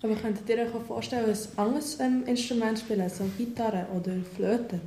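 A woman interviewer putting quick, brisk questions to a musician. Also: a little high, warm tone. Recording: roomy echo, off-mic.

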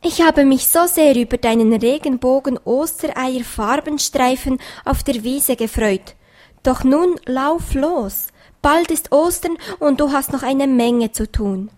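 A woman voicing a kind rainbow with a soft, soothing voice in a storybook reading. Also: high-pitched, animated, measured pace, pitched above the performer's own voice. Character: kind, gentle singing rainbow.

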